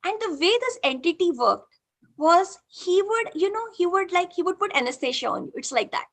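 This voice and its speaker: A woman's voice: very high voice, moderate pace. A woman with an Indian accent who leads a group session and tells a participant's story animatedly, mixing English and Hindi, over a video call. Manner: animated, mixes English and Hindi, many "you know" fillers. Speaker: spiritual session facilitator.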